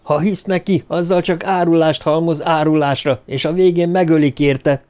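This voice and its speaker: A man doing a furious shouting colonel. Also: fairly even intonation, close to an everyday voice. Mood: accusing. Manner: shouting, raised pitch. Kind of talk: audiobook character reading.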